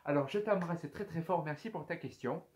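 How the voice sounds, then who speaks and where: Young guy rambling thru a fan q&a, voice a bit on the high side, lots of umms. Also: fairly quick, a little mellow. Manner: chatty, hesitant, full of fillers and restarts; reads viewer questions aloud. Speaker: YouTube host. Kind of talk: casual FAQ chat to camera.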